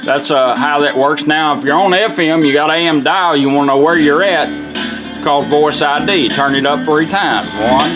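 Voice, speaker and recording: A man restoring car radios gives a relaxed product demo, breaking it down step by step in everyday language. His voice is a little high and his pace moderate, with loud background music and a rough recording.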